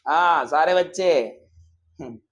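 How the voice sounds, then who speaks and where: Man, teacher, high-pitched voice, lively classroom lesson, quizzes students and answers himself. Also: slow pace, dull audio. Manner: addresses students casually as brother.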